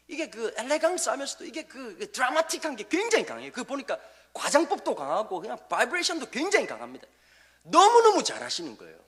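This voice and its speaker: A male pastor gives a humorous sermon to church teachers. His high voice leaps up and down wildly as he tells stories. He talks fast and keeps throwing questions at the congregation. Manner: animated storytelling with jokes and quick asides to the congregation.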